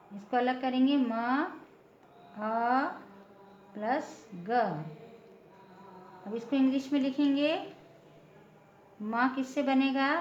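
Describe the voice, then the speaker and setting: A woman's voice: high-pitched, slight background noise. A woman teaching a patient, step-by-step lesson, often checking in with her listeners. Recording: echoey room, dull lo-fi sound.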